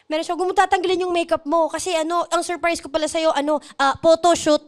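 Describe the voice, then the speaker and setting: A woman's voice: very high voice, flat delivery, fast talker. A woman in casual chat, animatedly telling the story of her proposal and laughing often.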